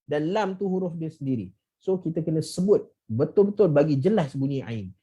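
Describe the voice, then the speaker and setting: Malaysian male tajwid teacher, mellow tone, patient, repeats drill words. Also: on the high side, lively intonation, normal speed, slightly rough. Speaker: Quran recitation teacher. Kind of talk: online tajwid lesson.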